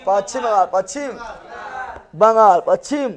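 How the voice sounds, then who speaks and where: A male teacher lecturing a classroom, loudly drilling facts through repetition and teasing the students. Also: high voice, a little slow.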